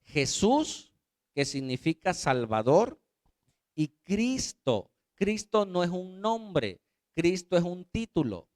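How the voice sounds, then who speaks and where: Male pastor, fairly high smooth voice, dry close sound, quizzes listeners mid-sermon. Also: very animated, slow pace, no echo. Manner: rhetorical questions to listeners; acts out quoted voices.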